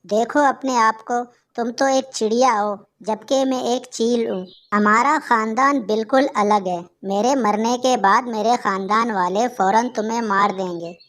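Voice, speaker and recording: A woman voicing a tender, ailing mother kite bird in a cartoon, speaking gently and protectively. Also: on the high side, unhurried, few pauses. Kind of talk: Hindi cartoon voice acting.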